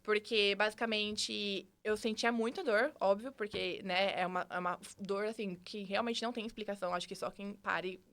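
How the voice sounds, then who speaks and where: A young Brazilian woman with a Brazilian Portuguese accent, a podcast guest telling her story in a casual interview, animated and acting out the dialogue. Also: medium pitch. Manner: animated, acts out dialogue with quick restarts.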